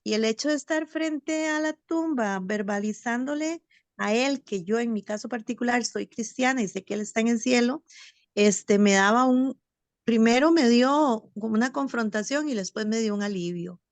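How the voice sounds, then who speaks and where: A bereaved mother sharing her story over a video call in a support session, reflective and halting with many fillers. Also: a little high, dry recording. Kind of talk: personal testimony. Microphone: video call, camera off.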